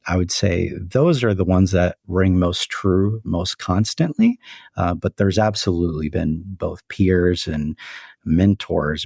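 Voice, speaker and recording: Low gravelly-voiced man. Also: a little mellow, no room sound, studio quality. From United States. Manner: measured, reflective, frequent "frankly" and "right?". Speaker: guest, company CEO. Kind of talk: conversational interview answers.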